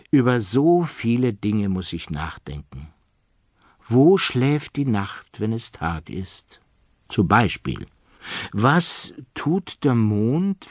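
A man's voice: on the low side, no room sound, clean studio sound, exaggerated voice. A man voicing a jolly, lazy, round little king in a children's storybook.

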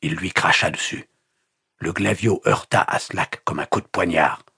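A male audiobook narrator with a very low, gravelly voice, reading in a measured, grave way. His tone is strongly husky, and the close studio mic leaves it dry, with no room sound. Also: bright, forceful tone, no room sound. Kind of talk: scripted narration.

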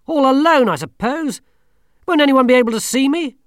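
A man reading a storybook, voicing a newly dead king who barks his words in a brisk, excitable way. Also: very high voice, no echo, clean studio sound, voice pushed up. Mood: dismayed. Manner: barking, upper-class and excitable.

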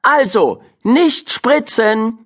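A man's voice: very high voice, animated, extremely slow, fairly bright tone, pitched above the performer's own voice, heavily acted. A man voicing a strict female schoolteacher in a children's audiobook, speaking in a stern, commanding way. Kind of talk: audiobook character voice.

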